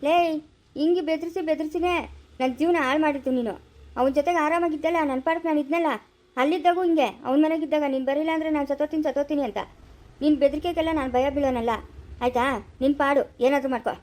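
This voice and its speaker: A woman's voice: sits high, fairly even intonation, fast, darkish tone, close to an everyday voice. A woman voicing an irritated young man in a cartoon, dismissive and fed up. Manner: annoyed, dismissive. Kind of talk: cartoon voice acting.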